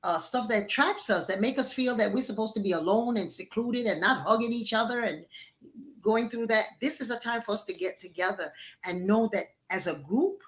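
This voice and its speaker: A woman's voice: on the high side, normal speed. A woman spiritual teacher giving an exhortative talk, urging her listeners and telling a teaching story with call-and-response.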